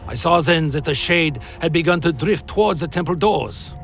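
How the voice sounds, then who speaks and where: Guy reading dark fantasy in first person, solemn, slightly high voice w some creak, soft music under. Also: animated, moderate pace. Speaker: narrator.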